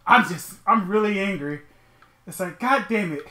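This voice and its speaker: A woman's voice: mid-range voice, animated, normal speed, sharp tone, roomy sound. A woman commentating on her racing game, frustrated, swearing and laughing at herself. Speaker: gaming commentator. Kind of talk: casual gameplay commentary.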